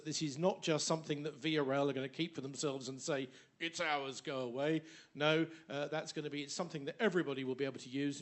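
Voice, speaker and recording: A man with an English accent moderating a conference session, chatty and effusive with many restarts. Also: a little high. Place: conference hall.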